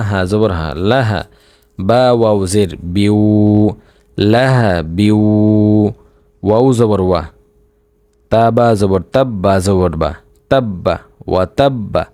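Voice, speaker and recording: A man teaching Quran reading, spelling out syllables one by one and then reciting them slowly, with a Bangladeshi Bengali accent. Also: lowish voice, warm tone, no echo.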